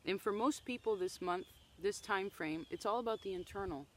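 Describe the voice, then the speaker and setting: A woman's voice: medium pitch, normal speed. A woman gives a tarot reading out in the woods. Her delivery is loose and conversational, and she keeps checking in with "okay?" and "right?". Faint background noise sits under her voice. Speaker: tarot reader. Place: outdoors in the woods.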